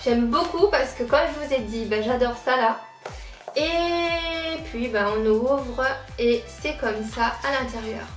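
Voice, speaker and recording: A young woman from La Réunion chats her way through a back-to-school haul, fond of everything she shows. Her slightly high voice sits back from the mic in an echoey room. Faint music plays underneath. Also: slow pace. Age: 20s. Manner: chatty, keeps repeating how much she likes things. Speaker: lifestyle vlogger. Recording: roomy sound, mic at a distance, faint background music.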